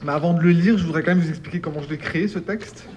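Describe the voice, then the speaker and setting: A man's voice: on the high side, racing, darkish tone, slight background noise. A man, a workshop participant, reading his own short text aloud with a wry, self-mocking tone.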